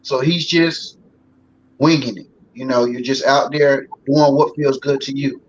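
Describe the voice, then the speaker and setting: A man's voice: mid-range voice, fairly even intonation, unhurried. A man in his forties, a guest on a talk show, talking in a loose, folksy way with lots of fillers. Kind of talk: casual talk show conversation. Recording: slightly dull sound with faint noise.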